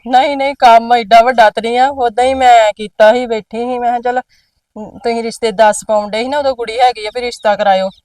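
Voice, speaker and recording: A woman's voice: on the high side, fairly even intonation, a little fast, a little mellow, dry recording, distant mic, natural voice. A woman playing a domineering, scheming mother in a drama who scolds her elderly mother sharply, recorded dry and a little away from the mic. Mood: sweet-talking. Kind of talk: amateur drama acting.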